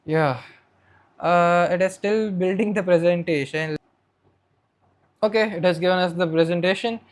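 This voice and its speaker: Indian English man, student tutor, casual screen-share lesson, talks his steps through aloud. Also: sits high. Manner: chatty, thinks aloud while working on screen. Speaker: educator for accounting students.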